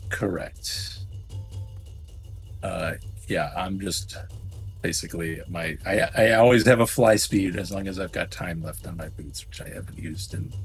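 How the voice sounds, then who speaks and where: A man's voice: sits low, a little slow, faint music behind. A man playing a tabletop role-playing game, chatting casually and hesitantly as he thinks aloud. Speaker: player.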